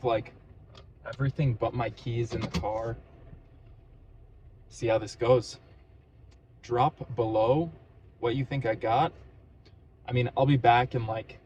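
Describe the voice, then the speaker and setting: Casual man vlogging over clear background noise. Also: mid-range voice, darkish tone. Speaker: running vlogger. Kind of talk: casual solo vlog talk to camera.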